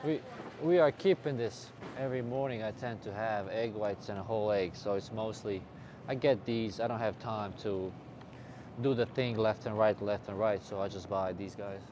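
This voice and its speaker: A man's voice: lowish voice, normal speed. A man from Bosnia filming a casual fitness vlog while shopping in a supermarket, joking and talking to the camera. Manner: playful, jokey, talks to camera. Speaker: fitness vlogger. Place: supermarket aisles. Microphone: handheld camera, filmed by cameraman. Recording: noisy store with background ambience. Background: shop ambience.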